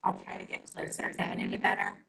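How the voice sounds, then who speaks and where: A woman speaking in a virtual board meeting over a choppy, low, garbled connection that sounds like it is coming through a computer. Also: quick pace, fairly bright tone. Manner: trying to be heard over a failing connection. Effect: choppy, low, garbled video-call audio.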